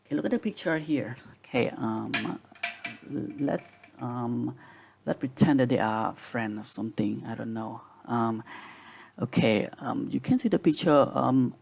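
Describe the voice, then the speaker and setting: A man's voice: mid-range voice, measured pace, creaky, a little mellow, a little hiss or hum. A man teaching a grammar lesson, patiently repeating rules and examples. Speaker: English teacher.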